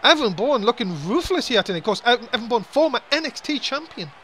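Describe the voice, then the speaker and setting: High-voiced excitable male wrestling commentator. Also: slight background noise. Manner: excitable, grumbling, quick exclamations.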